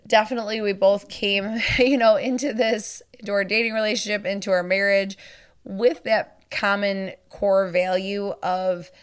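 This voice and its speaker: A woman's voice: mid-range voice, a bit bright, clear, resonant tone. Woman, 30s, podcast host; conversational Q&A, mid-range voice, chatty and self-deprecating. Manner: chatty, self-deprecating, frequent "you know" asides. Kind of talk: casual podcast Q&A.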